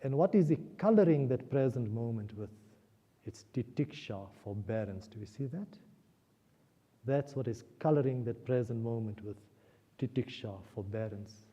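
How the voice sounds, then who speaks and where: Dark-voiced man giving an earnest spiritual talk. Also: mid-range voice, animated, normal speed. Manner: earnest, has listeners repeat key words aloud. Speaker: guest speaker at a temple. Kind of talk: spiritual discourse with storytelling. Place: temple hall. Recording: dull lo-fi audio in a reverberant hall.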